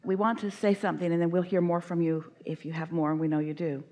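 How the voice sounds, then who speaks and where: A woman speaks in an emphatic teaching cadence, as if channeling a group, and repeats her key phrases for weight. Her voice sits a little low for a woman. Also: little pitch movement, quick pace, darkish tone. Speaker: spiritual speaker answering a guest. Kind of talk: channeled teaching in a live workshop.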